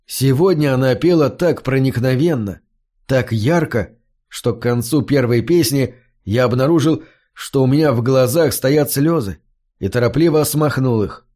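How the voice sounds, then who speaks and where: A man reading a first-person fantasy audiobook in an even, measured way. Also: medium pitch. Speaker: audiobook narrator. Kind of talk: scripted storybook narration.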